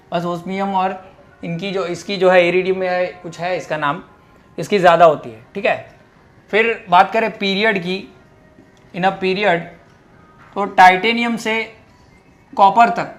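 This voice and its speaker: A man with a notably high-pitched voice teaches a chemistry class. He works through each point step by step, mixing technical into his speech and pausing often to ask whether the students understand. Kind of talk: classroom lecture.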